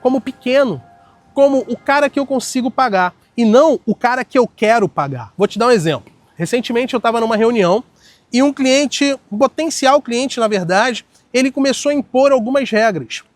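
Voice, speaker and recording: A man with a Brazilian Portuguese accent giving blunt, firm self-help advice in a direct monologue, telling stories from his own work in an even tone. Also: very high voice, moderate pace, no echo, soft background music. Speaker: self-help video host. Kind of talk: direct motivational monologue with anecdotes.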